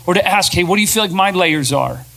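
A man co-hosting a talk show, speaking in a casual, animated way to a room of listeners and slipping into quoted voices. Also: sits high, fast, creaky, rough recording. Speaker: podcast co-host. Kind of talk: casual talk to a live audience. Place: room with an audience.

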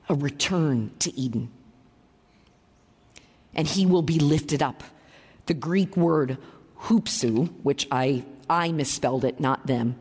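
A woman preaching a sermon, explaining scripture with emphatic, teaching delivery and a husky voice. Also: low voice, a little mellow, big-room sound.

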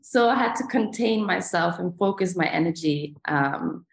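A woman's voice: on the low side, animated, moderate pace, vocal fry. A young adult woman from Sweden, a ballet dancer answering interview questions in a hesitant way, with many fillers.

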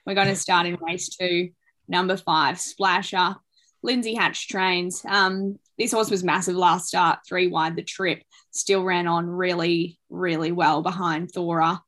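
An Australian woman runs through her picks in a fairly low voice. She sounds informal and a little hesitant, giving unscripted commentary on horse racing as a panel tipster. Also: fairly even intonation, unhurried, fairly bright tone. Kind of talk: casual unscripted tipping commentary.

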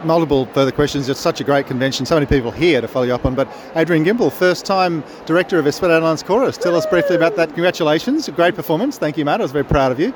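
A man's voice: on the high side, very fast, hardly any pauses. An Australian man hosting a casual on-the-spot podcast interview, chatty and hesitant as he shapes his questions. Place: busy convention venue. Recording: noisy location recording, busy venue ambience.

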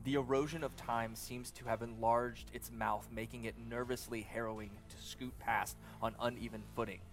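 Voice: mid-range voice, flat delivery, normal speed. A game master narrating and ruling on actions in a tabletop game.

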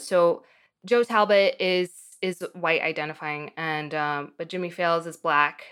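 A woman's voice: on the low side, fairly bright tone, clean tone. A woman from Morocco who teaches film students, speaking thoughtfully in a radio interview.

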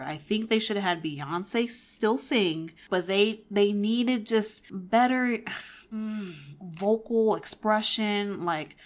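A woman in her twenties hosting a podcast, giving casual pop-culture opinions in an emphatic, opinionated way with frequent restarts. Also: fairly low pitch. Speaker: podcast host.

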